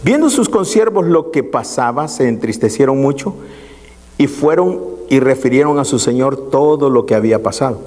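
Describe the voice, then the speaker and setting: A man's voice: mid-range voice, animated, a little mellow. Preaching man in a reverberant church. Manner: preaching with many pauses and repeated "hermano". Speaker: pastor. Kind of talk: sermon.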